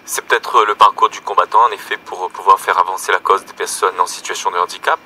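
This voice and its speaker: A man gives measured interview answers in a low, flat voice. The tone is sharp and forceful, over faint background noise. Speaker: elected councillor, radio guest.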